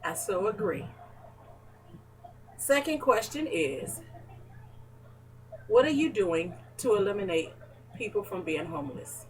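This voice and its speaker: A woman's voice: medium pitch, lively intonation, slow pace, pauses often, recorded from a distance, a little hiss or hum, low-quality recording. A woman interviewing her neighbor in a casual home chat, chatty and playfully teasing. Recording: voice from away from the mic.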